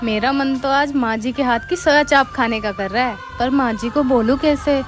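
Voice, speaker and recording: Actress for a coaxing daughter-in-law, high voice, music under. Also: female voice, normal speed, natural voice. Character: sly young daughter-in-law.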